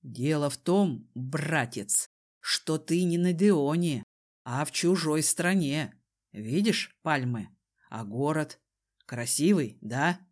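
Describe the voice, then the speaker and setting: A woman voicing a powerful man who threatens calmly and mockingly, in a slow, dropped voice. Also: low voice, pitched below the performer's own voice, full character voice. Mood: menacing. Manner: slow, calm, mocking menace.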